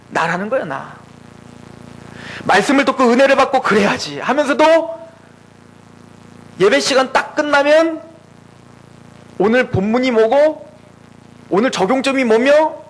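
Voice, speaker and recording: High-voiced man preaching a sermon. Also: poor audio. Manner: animated, acts out quoted voices of God and Moses. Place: church.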